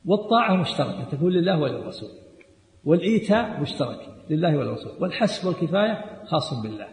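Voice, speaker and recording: A man giving a religious lesson on a book, emphatic and repetitive, dropping into quiet asides. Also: a little high, sing-song, quick pace, slight background noise. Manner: emphatic, repeats key points, drops to quiet asides. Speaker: Islamic scholar teaching a text. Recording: echoey hall recording.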